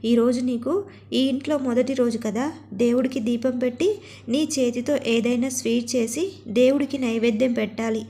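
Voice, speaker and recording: A kind middle-aged mother-in-law speaking in gentle, motherly tones, as read by a woman narrator. The voice stays fairly high and calm in a storybook reading. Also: normal speed, lightly acted.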